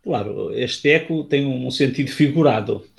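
Gravelly European Portuguese man, earnest. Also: mid-range voice, moderate pace. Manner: calm, earnest, teaching tone. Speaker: guest speaker on spiritual life. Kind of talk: reflective storytelling talk.

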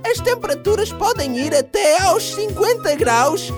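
A performer voicing an excitable cartoon mascot who guides small children on trips, with a bright, squeaky, sing-song welcome and a European Portuguese accent. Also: a little slow. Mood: cheerful, welcoming. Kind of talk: children's radio travel segment. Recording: music behind the voice.

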